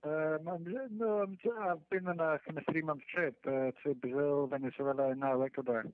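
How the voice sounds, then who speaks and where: A man's voice: a little high, fairly even intonation, moderate pace, clear, resonant tone. A man with a Scottish accent, a guest on a phone interview, laid-back and hesitant with lots of ums. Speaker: guest musician. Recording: bad long-distance phone line.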